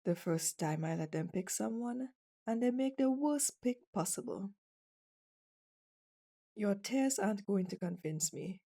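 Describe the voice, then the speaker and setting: Voicing a domineering female chief executive in an ASMR roleplay, a woman speaks at medium pitch with lively intonation, slowly, deliberately and in a soft, mellow tone. Her attitude is cold and contemptuous, condescending with a flirtatious, dominant edge.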